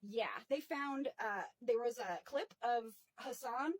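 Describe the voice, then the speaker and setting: A woman's voice: on the high side, takes it slowly, no echo, rough recording. A woman hosting a casual commentary vlog, chatty and indignant, with many fillers and restarts. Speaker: commentary channel host.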